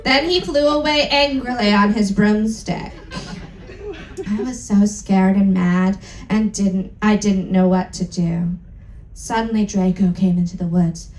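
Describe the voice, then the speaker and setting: A woman with a mid-range, darkish voice and measured pace gives a comic live dramatic reading, theatrical and mock-serious, breaking off for asides. The room holds an audience, and the sound is roomy, like a live stage.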